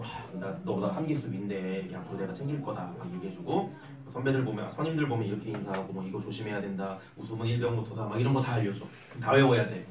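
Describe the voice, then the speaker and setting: A young man teaching math in a classroom, telling an animated story and acting out the voices. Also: medium pitch. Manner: animated, acts out voices while telling stories. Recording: echoey room, mic at a distance.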